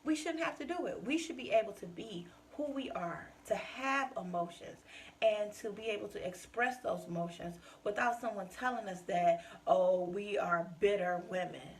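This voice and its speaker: A woman's voice: mid-range voice, animated, normal speed, a little hiss or hum. A woman hosting her own podcast, talking straight to listeners in an emphatic, passionate way. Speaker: podcast host. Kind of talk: casual solo podcast monologue.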